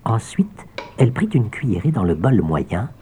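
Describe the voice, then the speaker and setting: A man narrating a children's audiobook with expressive storytelling and soft asides. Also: lowish voice, normal speed, husky.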